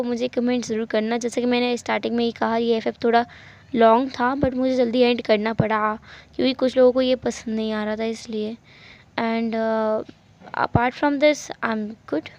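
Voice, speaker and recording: A woman's voice: fairly high pitch, a little mellow. A woman narrating a fan fiction story in a chatty way, mixing in English words and talking to viewers. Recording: dull lo-fi home recording.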